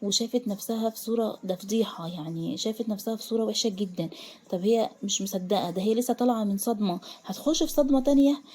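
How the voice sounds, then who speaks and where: A woman's voice: mid-range voice, quick pace, darkish tone, husky. A woman with an Egyptian accent, retelling a romance story in a chatty, casual way with asides to her listeners. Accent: Egyptian Arabic.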